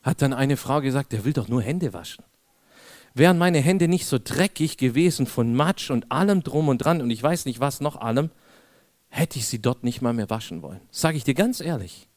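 A young male preacher tells stories from his own life during a sermon, acting out each exchange with animated energy. He turns to speak straight to the people in the pews. His voice sits at an ordinary pitch, and the recording is close and dry. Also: moderate pace, dry recording. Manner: animated storytelling, acts out dialogue, addresses congregation directly. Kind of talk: lively sermon with personal stories. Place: church hall.

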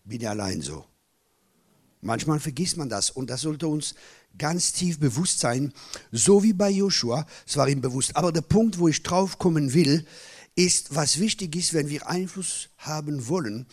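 Husky-voiced preacher with emphatic repetitions. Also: male voice, animated, normal speed. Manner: emphatic preaching, swings between loud bursts and low, hushed asides; repeats key phrases for emphasis. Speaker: pastor. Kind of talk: sermon.

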